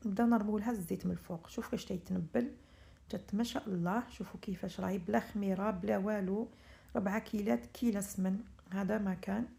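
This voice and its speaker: A middle-aged woman with an Algerian Arabic accent, explaining a pastry recipe step by step in a soft, often half-whispered voice, dropping in French words. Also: mid-range voice, vocal fry. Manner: speaks softly, often half-whispering early in the morning; chatty, instructive, switches into French words. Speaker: home cook selling pastries to order. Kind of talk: cooking tutorial narration.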